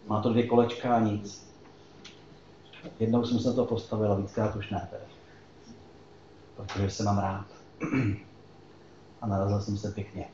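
A man's voice: medium pitch, dark tone, slight background noise. A man preaching a sermon in a conversational way, asking the congregation questions. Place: church hall. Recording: echoey hall, slightly dull sound.

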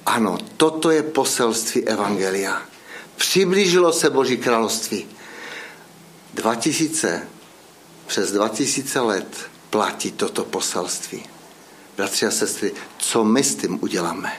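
A man preaching a sermon, often addressing his listeners as brothers and sisters, with hesitant restarts and a voice that climbs at emotional high points and sometimes breaks with feeling. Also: expressive, long pauses, fairly bright tone.

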